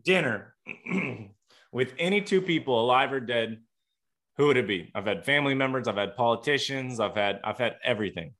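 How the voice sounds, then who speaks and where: A man's voice: medium pitch, lively intonation, moderate pace, a bit bright. A man hosting a casual interview podcast, laid-back and reassuring, often restarting his sentences. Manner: easygoing, reassuring, stumbles over words. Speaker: podcast host. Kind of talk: casual interview, reads a sponsor ad.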